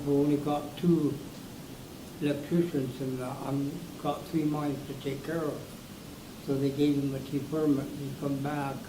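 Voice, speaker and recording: A man in his seventies from New Mexico, recalling his family's mining past in a halting way with many restarts. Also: mid-range voice. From Raton, New Mexico, US. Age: 70s. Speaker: interviewee. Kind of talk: casual recollection. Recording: echoey room with background noise.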